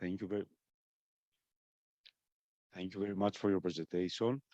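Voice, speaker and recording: A man's voice: low-pitched, steady tone, normal speed, warm tone, no room sound, muffled recording. A man moderating a workshop over a video call, brief and businesslike.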